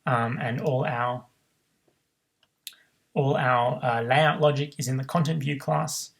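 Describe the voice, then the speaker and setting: Gravelly man thinking aloud while coding. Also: medium pitch, steady tone, takes it slowly, poor audio. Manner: thinks aloud with frequent ums and self-corrections. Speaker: programming tutor. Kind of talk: screen-recorded coding tutorial.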